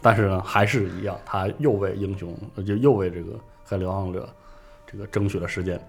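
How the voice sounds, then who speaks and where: A man's voice: low voice, steady tone, a little fast, breathy edge, faint music behind. A man hosting a podcast, casually retelling a game's story in a rambling way with many fillers. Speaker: podcast host recounting game lore.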